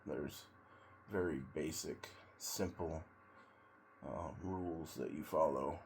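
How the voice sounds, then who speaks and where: A man sitting in ice cold water, giving a casual, rambling monologue in a halting way with long pauses between short phrases. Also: extremely low pitch, vocal fry, a little hiss or hum. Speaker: vlogger, tradesman in auto body and paint.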